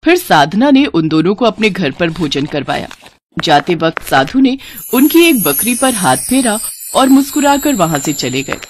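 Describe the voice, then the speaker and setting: A woman narrating a moral cartoon story in an expressive storytelling cadence. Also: medium pitch, moderate pace, a little hiss or hum.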